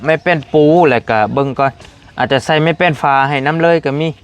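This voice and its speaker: A man's voice: mid-range voice, fast, clear, resonant tone. A man with a Lao accent, chatting casually outdoors in a village as he hands over a donation, coaxing and repeating his phrases. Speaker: vlogger delivering donation.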